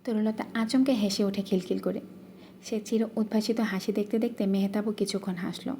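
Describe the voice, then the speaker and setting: A woman narrating a romantic story as an audiobook, in a soft, even storytelling delivery. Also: mid-range voice, moderate pace, slight background noise.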